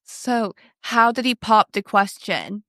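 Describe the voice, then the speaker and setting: A woman's voice: medium pitch, expressive, slow pace, sharp tone, no echo, studio quality. A woman host asking a guest short, curious questions in an interview.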